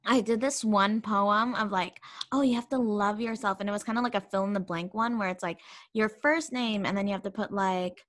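A young woman co-hosting a casual podcast chat, telling animated teaching stories and saying "like" a lot. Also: mid-range voice, a little fast. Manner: animated storyteller, heavy use of "like". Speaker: podcast co-host, English language assistant.

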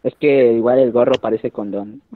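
A man with a Mexican accent in a casual group chat, telling things in a relaxed, hesitant way. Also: medium pitch, moderate pace. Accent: Mexican Spanish. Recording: dull dry mic.

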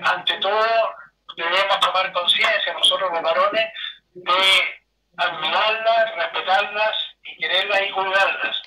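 Bright-voiced man calling in by phone. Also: high voice. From Chile. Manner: formal and courteous, with hesitant fillers. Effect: heard over a phone line. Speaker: radio listener calling in. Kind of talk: call-in comment on a radio show. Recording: roomy, distant phone call.

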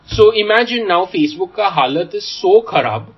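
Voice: mid-range voice, expressive, a little fast, breathy edge, highs cut off. A podcast co-host with an Indian accent, chatting casually and riffing playfully in a comedic style.

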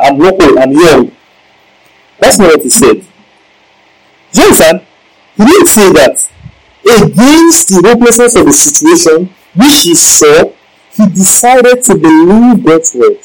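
Heard on a low-quality recording, this high-pitched male preacher teaches from the Bible with emphasis, putting questions to the congregation and driving home key lines through repetition.

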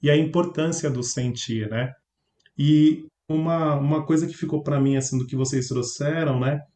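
A man hosting a talk speaks in a dark, mellow voice, audibly moved and emotional. He speaks in a warm-hearted way and often adds tag questions. His voice carries a noticeable room echo. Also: on the high side, moderate pace. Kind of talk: conversation. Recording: roomy echo.

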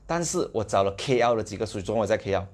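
A young Malaysian-accented man talks fast and with lots of energy, telling a motivational story to his live video viewers. His voice sits fairly low, and he punctuates the telling with excited exclamations.

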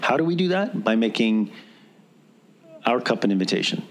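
A mid-pitched man speaks as a podcast guest. He argues earnestly and persuasively, sometimes stalling on repeated words. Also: sing-song, normal speed, slight background noise. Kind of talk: casual conversation.

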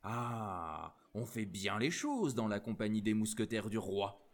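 A man's voice: fairly low pitch, expressive, a little slow. A man voicing a hearty, demonstrative nobleman from Gascony with a Gascon accent. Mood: jovial.

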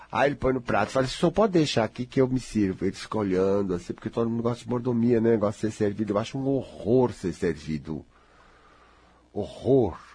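A man giving casual motivational talk, chatty and animated, often calling his listeners "gente" and acting out other voices. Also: slightly rough. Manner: acts out quoted voices with big pitch jumps. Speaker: speaker giving life advice.

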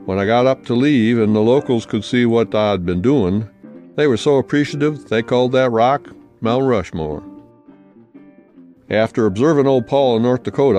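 Boastful storybook uncle, folksy cowboy drawl, low-ish voice, put on by a man reading aloud. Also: a little mellow, lightly acted. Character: tall-tale-telling old uncle in cowboy drawl.

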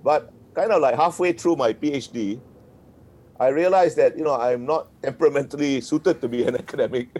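A Singaporean man in his sixties, a retired diplomat, fields interview questions frankly and wryly, chuckling often. His mid-range voice is darkish in tone and moves fairly quickly.

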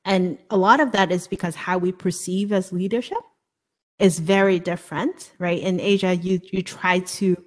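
A woman's voice: lowish voice, steady tone, moderate pace. A middle-aged woman from Hong Kong, hosting an interview and sharing her own view in an engaged, reflective way. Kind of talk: conversational interview.

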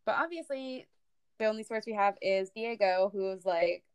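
Chatty woman podcast host, dry and clear. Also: medium pitch, moderate pace, no room sound. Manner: chatty, many "like" and "um" fillers. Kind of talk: casual history podcast chat.

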